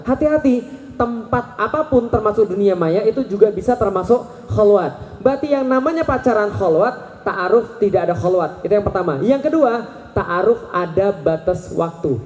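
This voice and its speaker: A man in his thirties giving a lively religious talk to a live audience, questioning the crowd and joking. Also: sits high, moderate pace, slight background noise. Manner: animated, asks the crowd questions and jokes. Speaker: Islamic preacher. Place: large hall with an audience. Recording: echoey hall recording.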